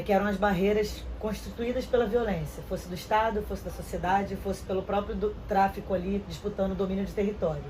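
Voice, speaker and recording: A woman, giving earnest, measured interview answers with some hesitant restarts. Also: medium pitch, warm tone, slight background noise, rough recording. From Rio de Janeiro, Brazil. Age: 30s. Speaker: interview guest.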